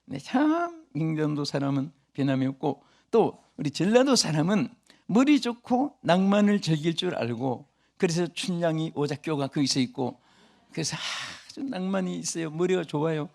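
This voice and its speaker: An older man preaching a revival sermon, booming and emphatic at his peaks, then easing into chatty asides to the congregation. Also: big pitch swings, moderate pace, gravelly, darkish tone. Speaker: pastor.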